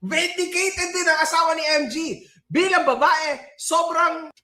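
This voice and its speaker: A man's voice: extremely high pitch, a little slow, bright, forceful tone, roomy sound. A man from San Pablo, Laguna, in the Philippines, talking to his viewers in a boisterous, joking way, laughing often and swearing casually. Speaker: vlogger.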